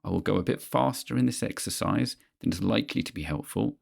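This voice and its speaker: A man reading a scripted guided grounding exercise in a measured, instructional manner, pausing between phrases. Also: on the low side, animated, vocal fry, darkish tone, slightly rough.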